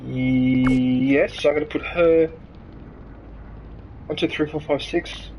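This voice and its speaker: A streamer from Sydney, Australia takes it slowly in a darkish, mid-range voice with fairly even intonation. The low-quality headset-mic recording carries slight background noise as they ramble, rant, and swear freely before apologizing during a live game stream.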